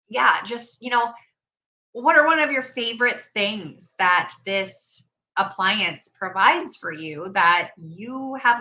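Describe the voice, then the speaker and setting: Bright, upbeat woman chatting casually. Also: medium pitch. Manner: chatty, upbeat, many fillers. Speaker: podcast host. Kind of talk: casual solo chat.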